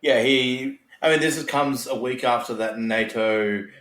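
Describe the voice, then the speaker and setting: A man's voice: mid-range voice, a little slow, a bit bright. A man chatting casually as a podcast co-host, giving his opinions in a reflective, slightly hesitant way. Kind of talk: casual chat. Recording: roomy, echoey sound.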